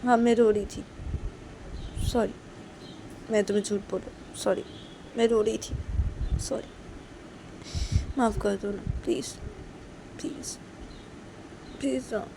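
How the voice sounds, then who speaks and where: A tearful, pleading young woman, raised and soft, begging forgiveness again and again, as a storyteller acts her out. Her voice sits well above the narration, with a faint hiss in the background. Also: mid-range voice, a little fast, voice pushed up, close to an everyday voice. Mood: apologetic. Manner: soft pleading, repeats sorry. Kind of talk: storytelling role-play.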